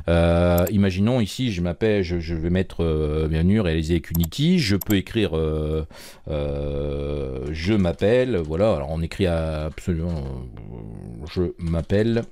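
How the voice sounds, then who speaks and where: A man's voice: sits low, warm tone. A man teaching a coding tutorial in a casual, chatty way, with many fillers and restarts. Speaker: programming course instructor. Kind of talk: screen-recorded coding tutorial.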